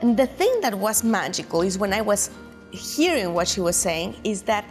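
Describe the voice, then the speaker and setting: A woman's voice: mid-range voice, sing-song, normal speed, over music. A woman from Mexico with a Mexican accent, a documentary director answering interview questions in a reflective, searching way with frequent restarts.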